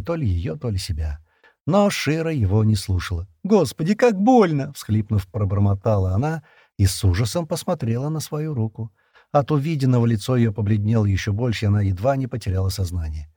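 A man reads an audiobook in a measured storytelling manner, his pitch moving lively through the lines. The voice is dark and husky. The recording is close and dry. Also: no echo. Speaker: audiobook narrator. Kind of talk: scripted narration.

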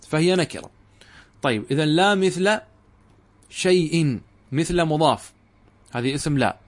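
A middle-aged man lecturing on Arabic grammar, explaining step by step and asking his students questions that he then answers himself. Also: on the high side. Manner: addresses students directly and urges them to pay attention. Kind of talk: classroom lecture.

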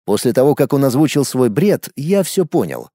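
A man narrating a first-person audiobook in a wry, even-tempered storytelling manner. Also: mid-range voice, moderate pace, dry recording, clean studio sound.

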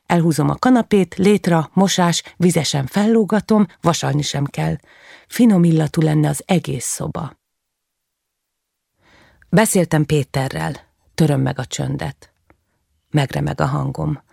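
Creaky-voiced woman reading a novel. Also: low-pitched, no echo, clean studio sound. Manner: calm, measured storytelling with short clipped sentences. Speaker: audiobook reader. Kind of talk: first-person novel reading.

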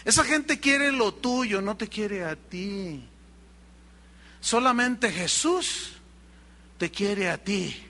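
A man's voice: sits high, lively intonation, drawn-out words, pauses often, pushed and bright. A middle-aged male pastor with a Mexican accent, preaching a sermon, telling a story and acting out the dialogue while speaking straight to his congregation. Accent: Mexican Spanish. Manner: storytelling, acts out quoted dialogue, addresses congregation directly.

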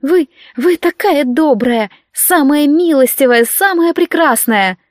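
A woman voicing a naive, excitable young servant girl who chatters breathlessly and pleads. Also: high voice, slow, dry recording, studio quality, voice pushed up. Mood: eager pleading.

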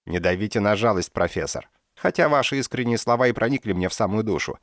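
A man's voice: on the low side, lively intonation, fast, a bit bright, dry recording, clean studio sound, voice pushed up. A man voicing a brash, grumbling young woman hunter who haggles mockingly, in an audiobook. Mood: mocking haggling. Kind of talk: audiobook character voice.

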